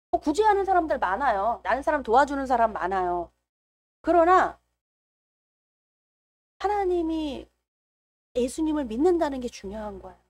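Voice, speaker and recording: A woman preacher delivers a fervent sermon at a church service, calling out hallelujah between points. Her voice sits high and swings widely in pitch. The sound is dry and close, with little room echo. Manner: fervent, calls out hallelujah often.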